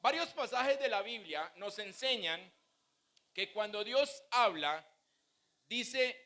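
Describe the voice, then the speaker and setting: A man's voice: sits high, lively intonation, slow, pushed and bright. A male pastor preaching a sermon, mixing humorous family stories with teaching. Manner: humorous, anecdotal preaching with acted quotes.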